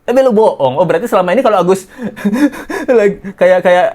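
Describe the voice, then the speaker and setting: A man's voice: high voice, expressive, fairly quick, darkish tone. A man hosting a casual gossip reaction commentary, teasing and laughing often as he jokes. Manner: mocking, laughs often, jokey wordplay. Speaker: commentary host.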